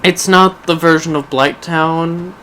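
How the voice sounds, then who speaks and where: A man hosts a gaming video, drifting through casual commentary and wry musings as if to himself. His fairly high voice is slow with fairly even intonation, and noticeable background noise sits beneath it.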